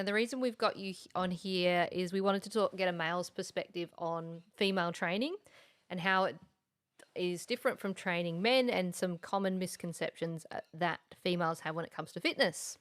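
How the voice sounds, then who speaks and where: A woman's voice: fairly low pitch, moderate pace. A woman, co-hosting a podcast in easygoing, upbeat casual chat. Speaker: podcast co-host.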